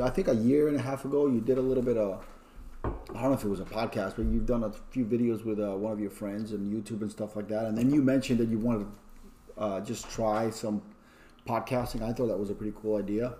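Male podcast guest, easygoing and agreeable, warm tone, echoey room. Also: medium pitch. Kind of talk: casual chat.

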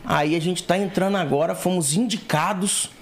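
A man's voice: sits high, moderate pace, soft background music. A man telling a story with animation on a casual podcast, acting out the dialogue as he goes. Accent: Brazilian Portuguese. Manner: animated, acts out quoted dialogue. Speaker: guest, co-founder.

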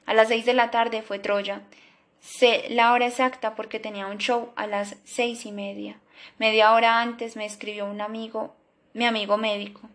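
A woman narrating an audiobook in a somber, measured way. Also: a little high, little pitch movement, fairly bright tone.

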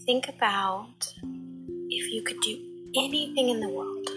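A woman's voice: fairly high pitch, measured pace. A woman hosting a motivational coaching and meditation talk, sounding re-recorded through a speaker, as if talking into a bottle. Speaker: podcast host and life coach. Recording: muffled recording of a recording, music behind. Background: loud music.

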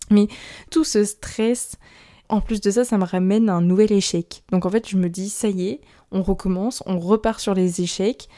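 A young woman hosting her own podcast, talking candidly in a rambling, quick way and laughing nervously now and then. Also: medium pitch, steady tone, mellow. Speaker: podcast host. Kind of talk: personal solo podcast talk.

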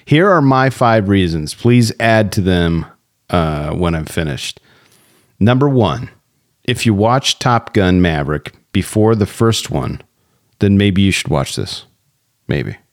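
A man's voice: low-pitched, animated, slow pace. A young man co-hosting a podcast, chatting casually and laughing as he reads listener reviews aloud. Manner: laughs often while reading reviews aloud. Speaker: podcast co-host.

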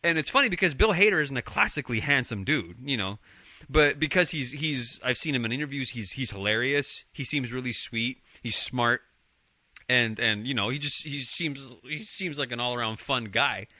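A man's voice: mid-range voice, lively intonation, normal speed, sharp tone, dry recording. A man co-hosting a podcast, talking casually and rambling with restarts and swearing. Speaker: podcast co-host. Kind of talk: casual chat.

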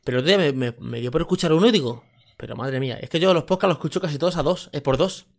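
A man's voice: a little high, racing. A man co-hosting a casual tech podcast chat, running words together, stumbling and swearing casually. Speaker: podcast host, tech reviewer.

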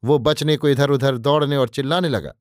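A man's voice: medium pitch, fairly quick, no echo. A man narrating an audiobook in a vivid, declamatory storytelling style, close on the mic. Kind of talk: dramatic scripted narration.

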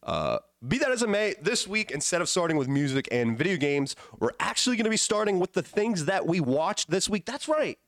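Hoarse, wheezy male podcast host, animated pitch. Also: a little fast, hardly any pauses, dry recording, clean studio sound. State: sick, voice partly gone. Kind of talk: casual banter, playful hype.

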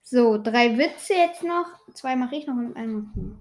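A woman with a high voice tells jokes in a relaxed, casual way. She often pauses with fillers while pulling jokes from memory. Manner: hesitant, with frequent fillers while recalling jokes. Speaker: co-host telling jokes. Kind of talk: casual joke telling.

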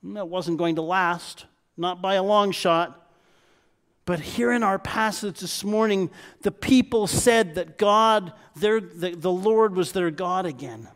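Slow-speaking high-voiced male preacher. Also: fairly bright tone. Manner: emphatic preaching with repeated proclamations. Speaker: pastor. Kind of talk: sermon.

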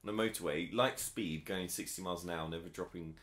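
A man's voice: deep voice, quick pace, fairly bright tone. A man co-hosting a casual film podcast, teasing, laughing often and arguing his points. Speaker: podcast co-host.

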